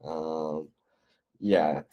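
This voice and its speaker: A very low-pitched young man from Taiwan talks softly and hesitantly, full of pauses and fillers. He chats casually as a podcast guest. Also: fairly even intonation, lo-fi sound. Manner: soft-spoken, hesitant, many fillers. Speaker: podcast guest, designer and 3D artist. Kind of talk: casual interview chat.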